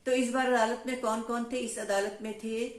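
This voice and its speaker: A woman telling a children's story in an expressive way, often checking in with her young listeners. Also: fairly high pitch, normal speed. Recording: echoey room.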